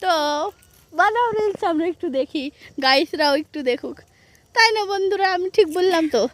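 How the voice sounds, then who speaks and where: A hoarse woman vlogging outdoors in farm fields, chatting playfully to viewers with teasing mock complaints. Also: very high voice, animated, moderate pace. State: hoarse from a cold. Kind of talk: casual vlog chat to viewers.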